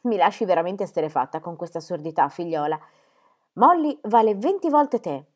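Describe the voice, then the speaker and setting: A woman voicing a fussy, sharp-tongued middle-aged mother in an audiobook reading, prim and scolding. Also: lowish voice, animated, fairly quick. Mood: indignant.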